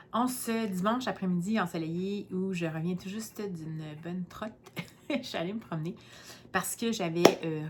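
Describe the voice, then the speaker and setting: Chatty Québécoise vlogger, low voice. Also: female voice, a bit bright, a little hiss or hum. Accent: Québécois French. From Quebec. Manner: chatty, explanatory. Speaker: book vlogger. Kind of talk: casual vlog chat. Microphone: handheld phone.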